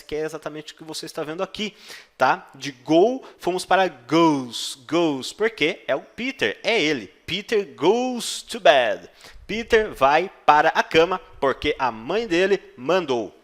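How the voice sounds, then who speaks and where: A man's voice: on the high side, a bit bright. A man teaching an English lesson, stretching out the English example phrases and checking in with the listener after almost every phrase. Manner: slow drawn-out English examples, frequent "tá?" check-ins. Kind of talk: online language lesson.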